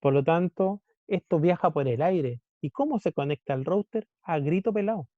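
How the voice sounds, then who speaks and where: A man's voice: on the high side, expressive, normal speed, no echo. A man lecturing a class, often checking in with his listeners and acting out little dialogues between devices. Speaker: teacher. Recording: dull, muffled lo-fi recording.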